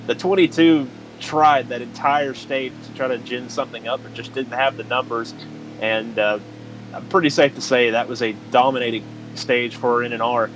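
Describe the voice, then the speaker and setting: A man's voice: medium pitch, steady tone, moderate pace. Male color commentator, mid-range voice, faint background hiss, easygoing analysis. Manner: analytical, laughs easily, many fillers. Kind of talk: sim racing commentary.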